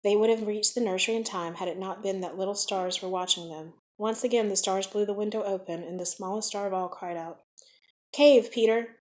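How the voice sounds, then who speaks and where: A woman narrating a classic children's novel in a lively, expressive storybook reading. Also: medium pitch, fairly quick, hardly any pauses. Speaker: audiobook reader.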